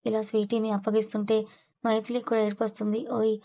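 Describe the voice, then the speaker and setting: Woman narrating an audio novel, gravelly voice, pretty flat, kinda high. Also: brisk. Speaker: storyteller. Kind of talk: reading a serialized audio novel.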